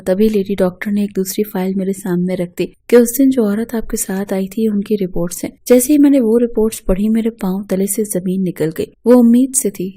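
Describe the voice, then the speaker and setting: A woman telling a dramatic first-person story in an emotional, anguished way. Her voice is very dark and mellow, at a middling pitch.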